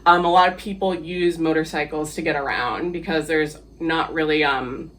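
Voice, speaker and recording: A man's voice: fairly high pitch, steady tone, normal speed, fairly bright tone, a little hiss or hum. A man from the Philippines, a guest on an interview podcast, talking casually and hesitantly with many fillers and easy laughs.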